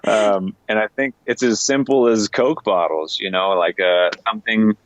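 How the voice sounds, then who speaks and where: A very deep-voiced American man talks in an easy, thoughtful way, circling back and restarting his sentences. The sound is dry and a bit muffled, with no room around it. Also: normal speed, dry recording. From United States. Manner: relaxed, thoughtful, trailing restarts. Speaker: leatherworker, guest. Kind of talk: casual conversation.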